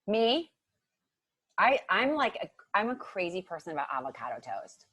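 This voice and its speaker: A woman in her thirties from Ohio, USA, chats about nutrition coaching as a podcast guest, full of "like" fillers and acted-out quotes. Her mid-range voice swings widely in pitch at a moderate pace, with a sharp tone and a breathy edge, and there's no echo.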